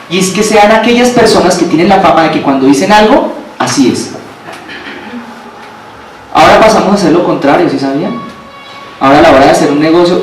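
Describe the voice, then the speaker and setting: A man preaching a sermon, asking the congregation questions and repeating phrases for emphasis. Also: a little high. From Colombia. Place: church hall. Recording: very echoey hall, from far off, faint background noise.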